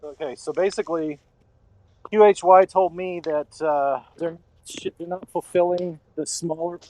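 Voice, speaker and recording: A man on an online call whose audio keeps cutting out, talking in a halting way with many fillers. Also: fairly high pitch, steady tone, dark tone, rough recording. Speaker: meeting participant. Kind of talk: casual group discussion. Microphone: video call.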